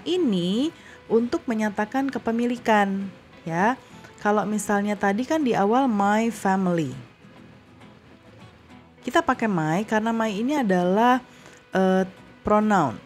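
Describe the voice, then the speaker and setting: A woman of middle pitch giving an online English lesson for young children. She explains patiently and warmly, and stretches out English sentences so the little ones can repeat after her. Faint music plays behind her voice. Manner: slow, drawn-out modeling of English phrases for repetition.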